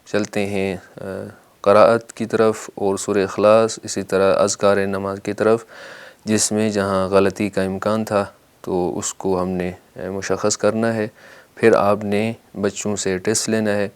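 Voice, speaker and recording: A man teaching correct prayer pronunciation, explaining in a measured way with filler pauses and slowly drawn-out recited examples. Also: sits low, clear, resonant tone. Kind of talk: instructional lesson with slow recitation.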